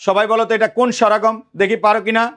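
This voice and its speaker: His voice high-pitched, level and fairly bright, the Bangladeshi-accented grammar teacher races through his live online class. He hammers students with repeated questions and calls himself their big brother.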